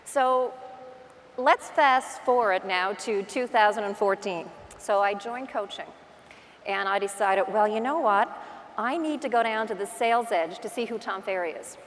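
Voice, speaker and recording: A real estate agent with a Newfoundland accent speaks at a conference, giving an informal, self-deprecating motivational talk full of stories and acted-out asides. Her mid-range voice is unhurried, and the recording from the stage of a large indoor hall carries long reverb and slight background noise.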